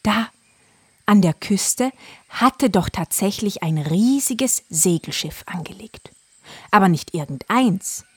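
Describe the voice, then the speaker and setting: A woman narrating a children's story in a lively, playful way. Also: mid-range voice, slow, slightly rough, no room sound.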